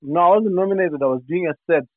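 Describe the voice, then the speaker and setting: A man's voice: high-pitched, fast, no echo. A man from Zimbabwe, a comedian, calling in over the phone, talking casually with hesitant, stammering restarts. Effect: heard over the phone. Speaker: comedian phoning in. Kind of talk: casual call-in chat. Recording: tinny phone line.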